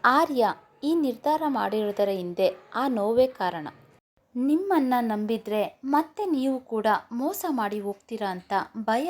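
An earnest, pleading young man, a loyal friend in a storybook tale, as a woman narrator reads his part. The voice sits a touch high. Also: a little mellow.

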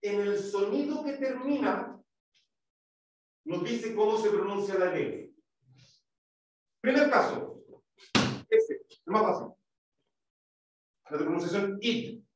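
A man's voice: sits high, animated, slow, pauses often. A male English teacher giving a classroom lesson, explaining step by step, quizzing students and demonstrating sounds. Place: school classroom. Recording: echoey classroom, mic far off.

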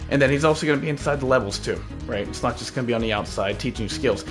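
A man's voice: medium pitch, rapid-fire. A man in his thirties giving casual, slangy, rambling gameplay commentary as a streamer. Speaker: game streamer. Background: game music.

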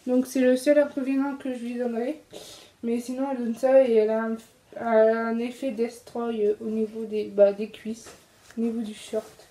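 A young woman with a French accent talks through her shopping haul in a loose, chatty way, stopping on fillers and correcting herself as she goes. Her voice sits high but has a soft, mellow tone. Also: level tone, normal speed. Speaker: fashion vlogger. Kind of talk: casual clothing haul.

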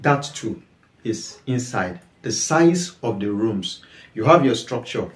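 A man's voice: medium pitch, lively intonation, slow pace. A young man with a Nigerian English accent, explaining livestock farming to the camera and asking his viewers many repeated, emphatic questions. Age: young adult. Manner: repetitive questions, emphatic, gestures with hands. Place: small indoor room with bare walls. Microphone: camera at medium distance. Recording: echoey room.

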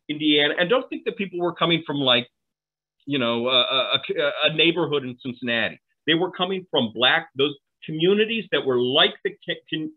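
Middle-aged man lecturing over a tinny line. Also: mid-range voice. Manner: conversational, asides and tag questions. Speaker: historian presenting a talk. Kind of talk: online history lecture. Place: home room, video call. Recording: phone-like narrow audio.

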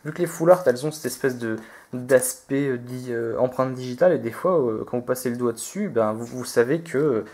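A man hosting a relaxed card-pack opening video, chatty and hesitant, reading out each card name as he goes. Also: mid-range voice, fairly quick. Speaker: video host opening trading card packs. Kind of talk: relaxed unboxing commentary.

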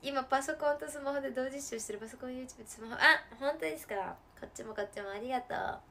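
Chatty woman streaming a game, slightly high voice. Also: fast, creaky, a little hiss or hum. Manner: chatty, laughing often, with sudden loud outbursts. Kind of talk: casual live-stream chat while gaming.

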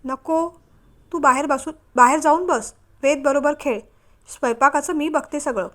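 A woman's voice: high voice, moderate pace, fairly bright tone. A woman voicing a young mother who teases and lightly scolds her husband in a storybook reading. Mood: teasing. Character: warm teasing young mother, firm at heart.

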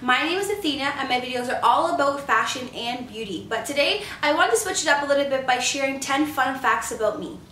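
A woman in her twenties from Canada, chatting to camera as a beauty vlogger in an upbeat, quick way. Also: high voice, animated, bright, forceful tone, a little hiss or hum. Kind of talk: casual chat to camera. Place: living room or home office, indoors. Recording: roomy, slightly distant sound.

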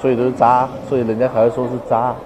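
A man's voice: medium pitch, level tone, racing. A young man with a Taiwanese Mandarin accent chatting casually and teasing a friend. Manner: teasing, soothing. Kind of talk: casual chat. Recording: dull sound, crowd behind.

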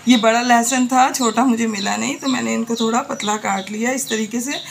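Fairly high-pitched, gravelly and fairly quick with fairly even intonation, this woman hosts a home cooking tutorial in her kitchen. Speaking with a Pakistani Urdu accent, she's chatty and keeps pointing things out to viewers over a noisy background.

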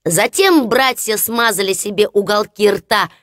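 A woman narrating a fairy-tale audiobook in an expressive storytelling manner. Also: medium pitch, measured pace, no echo, studio quality.

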